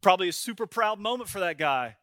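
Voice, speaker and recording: A man preaches in a bright, forceful, slightly high voice. He tells folksy stories and keeps checking in with his listeners. The sound is close and dry, with no room echo. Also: expressive, fast talker. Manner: folksy storytelling, tags lines with "right?" and "man". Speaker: pastor. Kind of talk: sermon.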